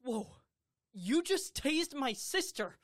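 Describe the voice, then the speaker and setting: A woman's voice: sits high, sing-song, takes it slowly, slight background noise, exaggerated voice. A woman playing a worried, bewildered sibling in an audio drama, anxious and questioning.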